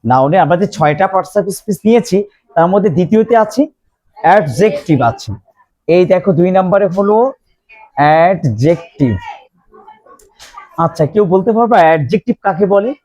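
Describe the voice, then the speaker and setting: A man teaching English grammar to a classroom of students, slowly repeating questions for the class to answer. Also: high voice, darkish tone.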